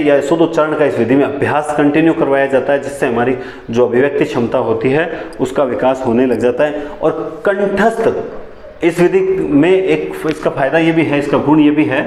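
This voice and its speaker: A man teaching a lesson, who repeats key phrases back as questions and sometimes talks fast enough that his words tangle. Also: fairly high pitch, roomy sound, slight background noise. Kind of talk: classroom lecture on teaching methods.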